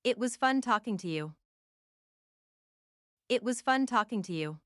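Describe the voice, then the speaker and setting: A woman reading short practice phrases aloud for learners, saying each one several times in a deliberate, even way. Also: on the high side, no room sound, clean studio sound. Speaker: English phrase reader.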